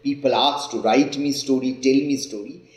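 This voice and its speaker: A man from Bengal with a Bengali Indian accent, telling a personal story in an expressive, feminine manner. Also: mid-range voice, moderate pace. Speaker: storyteller and facilitator. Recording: echoey room.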